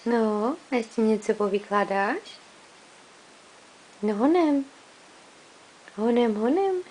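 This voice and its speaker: A woman's voice: on the high side, darkish tone. A woman talking baby talk to an infant, coaxing him with sing-song questions.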